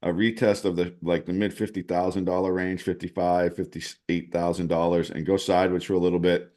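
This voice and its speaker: Here a man speaks fairly quickly in a low, dark voice with flat delivery. As co-host and chart analyst on a casual crypto show, he works through screen-shared charts, thinking aloud with lots of restarts.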